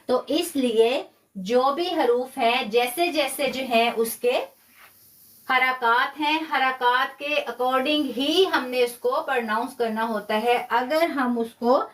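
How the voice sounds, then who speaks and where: A woman teaching a live online Quran lesson, patiently explaining step by step, stretching demonstration syllables and often praising students. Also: fairly high pitch.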